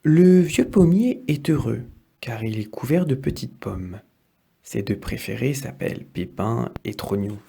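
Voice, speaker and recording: A man reading a children's story aloud in a gentle, measured way. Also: medium pitch, lively intonation, creaky, husky.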